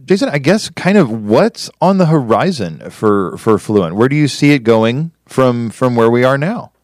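A man's voice: medium pitch, sing-song, a little slow, darkish tone, no room sound, clean studio sound. A man hosting an interview podcast, talking with enthusiasm and often repeating words as he restarts. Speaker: podcast host.

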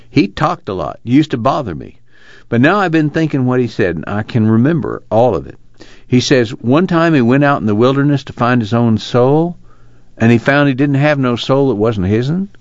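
A man with a mid-range voice, recorded with no room sound and dull audio, voices an earnest young farm son on the run in a dramatized novel reading. He speaks reflectively and plainly, with a drawl.

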